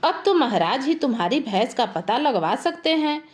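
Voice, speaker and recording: A woman's voice: high-pitched, sing-song, normal speed. A woman voicing an older village headman who questions and advises a farmer. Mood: advising.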